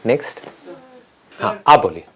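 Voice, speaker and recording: A man leading a live motivational session for students, animated and playful, often asking the audience questions. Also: moderate pace. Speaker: motivational speaker.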